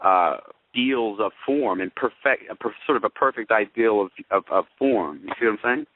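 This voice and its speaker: A lowish-voiced man at a moderate pace co-hosts an astrology talk as the astrologer, explaining in a homespun, chatty manner. He often checks in with listeners using tag questions, and the audio is tinny and phone-like, as on a radio show.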